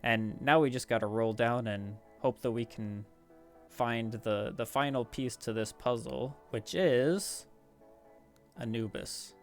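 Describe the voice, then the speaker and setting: Over background music, a man hosting a gaming video talks slowly through his strategy as he plays. His mid-range voice sounds casual, hesitant and rambling.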